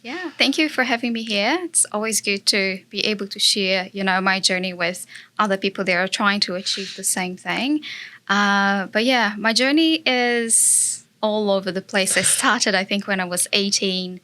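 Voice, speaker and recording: This woman from Brazil speaks English with a Brazilian Portuguese accent. Her voice is bright and clear at a middle pitch. She chats earnestly in an interview, with lots of fillers. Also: normal speed. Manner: earnest, with many fillers and frequent laughs. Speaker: guest, property investor. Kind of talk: casual interview chat.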